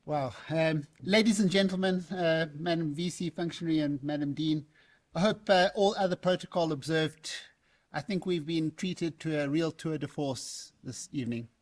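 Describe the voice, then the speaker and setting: An academic man gives a formal response speech, telling a story reflectively with small hesitations. His voice sits slightly high. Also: moderate pace. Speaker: academic giving the response to a lecture.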